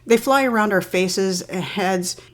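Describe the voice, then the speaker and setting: A woman reading a poem aloud and then explaining it in a calm, measured way, like a literature teacher. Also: mid-range voice. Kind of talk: poetry reading and analysis.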